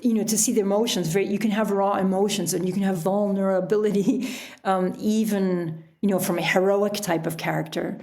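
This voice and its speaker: A woman who writes and sails is the guest here, mellow and a little fast, with vocal fry in her medium-pitched voice. Her tone stays level as she talks casually and reflectively, chuckling a lot.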